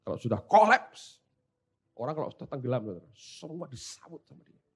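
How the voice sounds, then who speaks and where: Man, pastor, sermon, husky, very lively pitch, hushed asides and loud exclamations. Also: a little fast.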